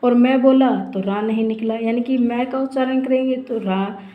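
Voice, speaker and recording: A woman's voice: on the high side, fairly even intonation, normal speed, phone-quality sound. Woman teaching Sanskrit in an echoey room. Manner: explanatory, repeats points with rhetorical questions. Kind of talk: exam-prep lecture.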